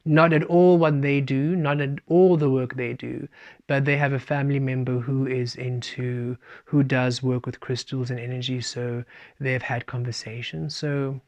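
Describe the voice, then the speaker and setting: A man giving a spiritual talk, speaking of himself as "we" and shifting between playful and calm. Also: medium pitch, normal speed. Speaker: spiritual teacher. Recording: dull lo-fi recording.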